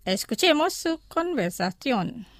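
A woman teaching a language lesson, speaking slowly and deliberately, repeating each word twice for listeners. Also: high voice, sing-song, dry recording, studio quality.

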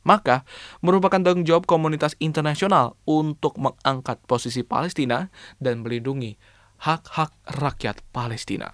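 A man's voice: on the high side, normal speed, dry recording. Formal Indonesian male radio announcer, dry sound. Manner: formal announcer delivery, stressed phrase openings. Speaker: radio presenter. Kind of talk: scripted radio news and announcing. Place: radio studio.

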